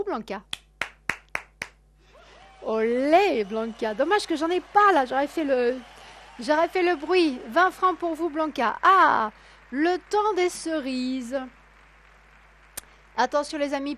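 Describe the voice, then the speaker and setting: A woman hosting a live call-in TV quiz, her voice hoarse, chatty and coaxing viewers, counting down and correcting herself aloud. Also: high-pitched, fairly bright tone, slight background noise. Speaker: game show host.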